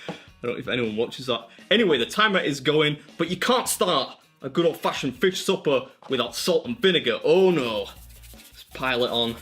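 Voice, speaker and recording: A man's voice: medium pitch, lively intonation, normal speed, a bit bright, husky, soft background music. An English man hosting a food challenge video in a chatty, self-mocking style with wry asides. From England. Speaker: competitive eating video host. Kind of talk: casual vlog narration.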